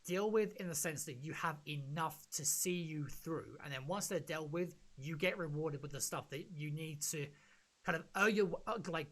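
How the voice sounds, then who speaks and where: Bright-voiced host, hyped rambly gamer talk, keeps restarting. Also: medium pitch. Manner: excited, rambling, many restarts. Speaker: podcast host. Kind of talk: casual gaming podcast chat.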